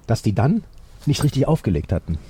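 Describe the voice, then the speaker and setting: A man telling a story as an interview guest, halting with many fillers and restarts, but upbeat. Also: medium pitch, very animated, warm tone, slightly rough.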